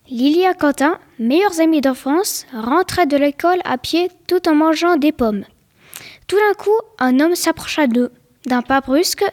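High-voiced woman reading a story aloud. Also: a little mellow. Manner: plain storytelling read with small stumbles and repeated words.

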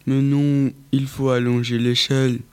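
A man's voice: mid-range voice, flat delivery, measured pace, background noise, natural voice. A man voicing a determined, eager female cow in a children's audiobook, speaking firmly and insistently.

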